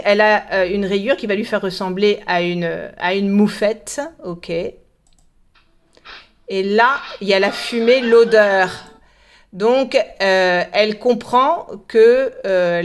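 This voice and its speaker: Woman from France, French teacher, casual explanation, slow unhurried delivery, hesitant with frequent pauses, mid-pitched voice. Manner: hesitant, many pauses and fillers.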